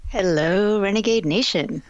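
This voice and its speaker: A woman's voice: medium pitch, a little slow, no room sound, muffled recording. A woman guest chatting casually in brief, easygoing answers. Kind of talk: casual chat.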